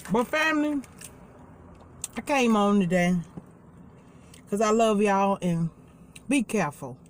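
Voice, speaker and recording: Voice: mid-range voice, expressive, slow. An American vlogger chatting casually and familiarly to viewers like family, recorded inside a parked car. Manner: folksy, colloquial, familiar. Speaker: vlogger, mukbang host. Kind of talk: casual chat to camera, addressing viewers as family. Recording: noisy car interior, outdoor ambience.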